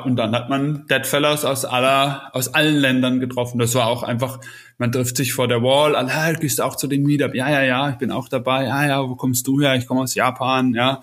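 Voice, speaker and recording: A man's voice: mid-range voice, fairly bright tone. Male podcast co-host, casual and rambling, mid-range voice. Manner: chatty, many fillers and restarts. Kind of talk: casual chat.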